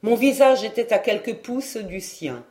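An audiobook reader narrating a classic novel in the first person, in a measured, literary style. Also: medium pitch, animated, a little mellow. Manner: slow, measured reading.

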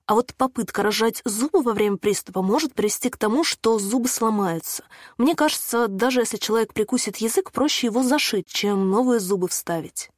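A woman voicing a thin, sarcastic young man who snaps back and calmly lectures about first aid in a storybook. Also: fairly high pitch, a little fast, hardly any pauses, no echo, studio quality, natural voice. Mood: sarcastic lecturing. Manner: snarky, lecturing.

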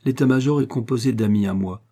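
A man voicing a suave, cunning gentleman-thief baron with a smooth, commanding and ironic manner in an audiobook reading. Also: mid-range voice, fast talker, close to an everyday voice. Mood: ironic, confident.

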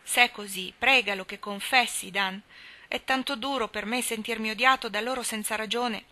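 A woman reading the part of a loyal, gentle boy who pleads earnestly. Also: fairly high pitch, fairly even intonation, moderate pace. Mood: despairing. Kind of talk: audiobook character reading.

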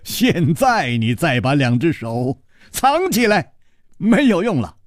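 A man playing a suave, sharp-witted male detective hero, calm and teasing, in a spoken storytelling recording. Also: rumbling low, no echo, studio quality, pitched below the performer's own voice, exaggerated voice.

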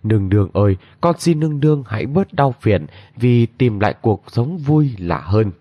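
A man voicing a gentle young maidservant who pleads reverently with her mistress, on a dull lo-fi recording. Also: mid-range voice, very animated, moderate pace, no room sound. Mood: pleading.

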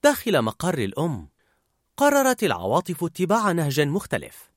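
Animated male storyteller. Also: a little high, moderate pace, no echo, studio quality. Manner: expressive, animated reading. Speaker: narrator. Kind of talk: storytelling narration.

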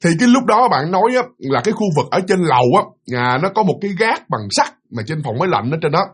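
A man's voice: a little high, big pitch swings, quick pace, breathy edge. A man with a Southern Vietnamese accent telling a ghost story in a chatty way, often speaking directly to his listeners.

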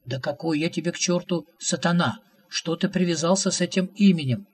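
Negodующий demiurge — мужчина изображает взволнованного бога-творца, голос выше и громче обычного, с хрипотцой. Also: male voice, a little high, a little fast, slightly rough, pitched above the performer's own voice. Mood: outraged. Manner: raised, protesting, flustered. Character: exasperated male demiurge, earnest and indignant.

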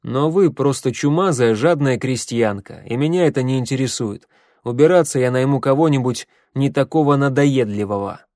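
A man's voice: medium pitch, normal speed, darkish tone, dry recording, clean studio sound, close to an everyday voice. A man voicing a cold, haughty young ruler in an audiobook, curt and sneering. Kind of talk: audiobook character voice.

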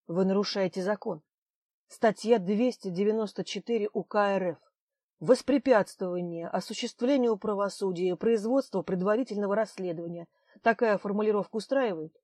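An explosive, hot-tempered man who barks his lines, pitched up and loud in bursts, as a woman reads him. The narration around him is close and dry, like a spoken audiobook. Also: brisk, no echo, close to an everyday voice. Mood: shouting. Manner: barking, shouting.

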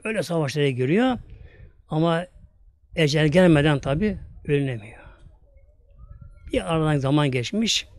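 An older man delivers a sermon as a story, his voice sitting high. He speaks slowly, with drawn-out pauses and rising emotion. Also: dry recording. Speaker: preacher. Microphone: audio recording of a talk.

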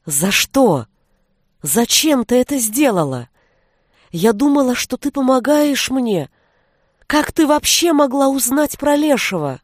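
A woman's voice: medium pitch, animated, a little slow, darkish tone, no echo, studio quality, lightly acted. A woman reading an audiobook, voicing a fierce, defiant young forest witch who speaks with an angry, raised voice. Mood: furious.

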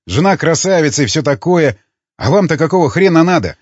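Husky, hectoring male loyalist, read by a man; lively swings, dry lo-fi audiobook sound. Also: on the high side, fairly quick, dry recording, pitched above the performer's own voice. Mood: exasperated. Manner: hectoring, argumentative. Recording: dull lo-fi recording.

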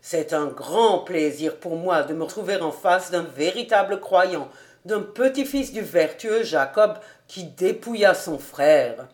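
A woman's voice: animated, takes it slowly, darkish tone. A woman voicing a jovial, good-humoured man who banters with his old friend, in an audiobook reading. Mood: teasing. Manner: low, easygoing, bantering.

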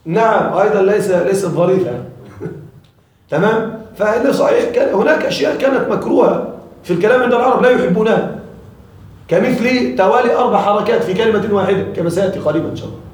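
A man's voice: high voice, fast. A man teaching an Arabic grammar lesson to a class, explaining patiently and often checking that his students follow. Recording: echoey classroom from far off.

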